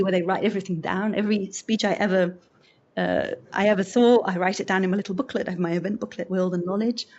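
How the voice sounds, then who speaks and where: With a mid-range voice and the highs cut off in the audio, a Belgian woman who isn't a native English speaker hosts an event in a conversational presentation style. She brings energy to it, acting out brief quotes and beginning sentences again.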